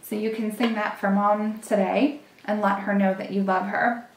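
A young woman giving a gentle, encouraging Bible lesson to children, seated at a table in a small room. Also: mid-range voice, flat delivery, normal speed, far from the mic. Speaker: children's church teacher. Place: small indoor room, seated at a table before a plain wall. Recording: echoey room.

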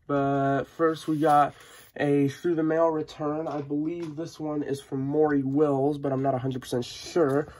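A man with a stuffy, sniffling head cold hosts a casual unboxing vlog, talking with mild excitement. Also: a little high, a little slow. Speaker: host of a sports card unboxing channel. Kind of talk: casual mail-day vlog narration. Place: indoor room at a tabletop.

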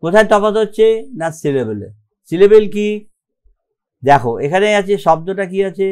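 Male grammar teacher, Bengali accent, higher-pitched voice, patient step-by-step explainer. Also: animated, normal speed, a little mellow, clear, resonant tone. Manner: explains step by step, often checks with "okay?"; mixes English terms into his explanations. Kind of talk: online grammar lesson.

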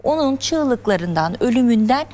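A woman's voice: on the high side, animated, unhurried, dark tone. A woman explaining psychology terms step by step as a guest on a television talk show. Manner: earnest, lecturing, explains step by step. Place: television studio.

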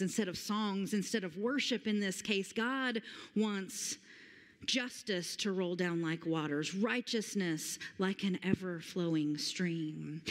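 A woman pastor preaches a sermon, reading scripture with earnest, slowed emphasis. Her mid-pitched voice carries a long reverb from the large sanctuary around her. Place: large church sanctuary stage.

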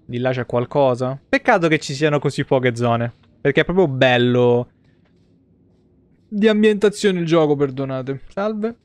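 This game streamer, a man in his thirties, has a medium-pitched, expressive voice and speaks at a measured pace with no echo. Over game music in his small home setup, he delivers casual live commentary that's slangy, crude and heavy on swearing.

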